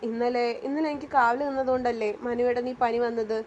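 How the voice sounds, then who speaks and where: A woman narrator voicing a timid young college girl who talks softly and hesitantly. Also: on the high side, fairly even intonation, brisk, highs cut off, a little hiss or hum, lightly acted. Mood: tearful. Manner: soft, hesitant.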